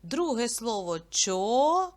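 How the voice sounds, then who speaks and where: A woman teaching a literacy lesson to young children, speaking patiently and clearly and drawing out each sound. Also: fairly high pitch, sing-song, takes it slowly.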